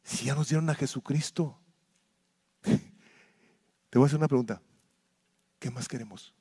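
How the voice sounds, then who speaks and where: A man preaching a sermon as pastor, swinging from loud impassioned pleading to quiet intimate asides. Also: mid-range voice, dry recording, studio quality. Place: church.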